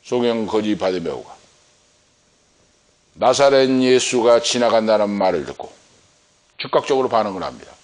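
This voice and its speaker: A man's voice: lively intonation, normal speed, pauses often. A middle-aged man pastor preaching a sermon, retelling a story with dramatic swings of voice as he acts out the cries. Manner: dramatic storytelling, acting out cries and quotes with swings in pitch and loudness.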